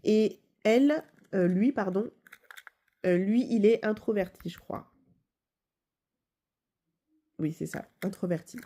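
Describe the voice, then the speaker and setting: This woman, a video game channel host, has a cold-stuffed nose as she casually explains a game with lots of fillers and corrections of herself. Her mid-range voice is dark in tone, and she takes it slowly, pausing often.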